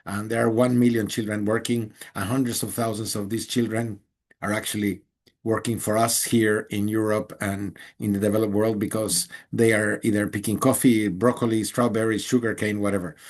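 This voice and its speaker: Man from Guatemala, low voice, an earnest guest interviewee. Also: little pitch movement, moderate pace, a little mellow. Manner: earnest and emphatic, with small laughs. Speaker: journalist and guest. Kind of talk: interview answer.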